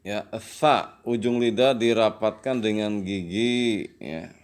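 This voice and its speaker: A man teaching a children's lesson in a patient, slow manner, often adding "ya" as he explains. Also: low-pitched. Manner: slow and patient, with frequent "ya" tags and louder drawn-out recitation. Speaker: religious studies teacher.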